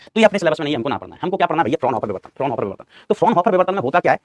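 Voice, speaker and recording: A man's voice: on the high side, very animated, rapid-fire, dry recording. A male physics teacher giving a classroom lecture, quizzing his students, answering his own questions and repeating key terms, calling them son and brother.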